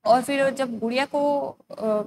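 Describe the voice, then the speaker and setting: A woman's voice: high-pitched, fairly even intonation, slow, noisy background. A young woman teacher with an Indian accent, reading a school story aloud and explaining each hard word to young children. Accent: Indian Hindi.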